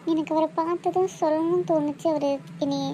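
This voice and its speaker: A woman's voice: sits high, steady tone, fast, dark tone, a little hiss or hum, natural voice. A young woman playing a daughter who pleads and defends herself to her family. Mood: defensive. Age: young adult. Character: young bride-to-be, torn and pleading.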